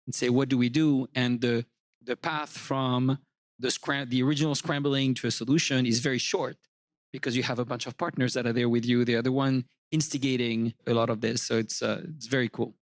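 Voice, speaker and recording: A man moderating a live panel, summarizing points and posing questions in a measured way with some restarts. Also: medium pitch, fairly even intonation, no room sound.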